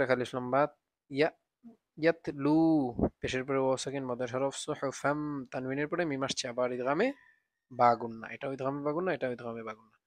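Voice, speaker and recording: A male Quran teacher works through the text one letter at a time, naming each vowel mark before joining the syllables. His voice sits at an ordinary pitch for a man. Between the spelling he lifts into slow, drawn-out recitation. The sound is dry and close. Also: no room sound. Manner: spells letters and vowel marks step by step, then chants the verse slowly.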